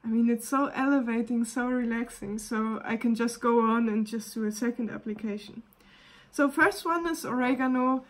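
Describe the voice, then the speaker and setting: A wellness coach, a woman with a German accent, gently talks through a casual live video demonstration, frequently pausing to search for words. Her voice is fairly high in pitch.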